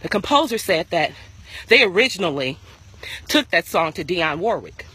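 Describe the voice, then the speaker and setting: A woman's voice: fairly low pitch, big pitch swings, normal speed, pushed and bright, breathy edge. A middle-aged American woman preaching an impromptu devotional in emphatic, repeated short phrases while out walking for exercise. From Michigan, United States. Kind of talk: impromptu devotional sermon to camera. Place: outdoors on a grassy, tree-lined path. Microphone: phone at arm's length. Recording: noisy outdoor phone recording.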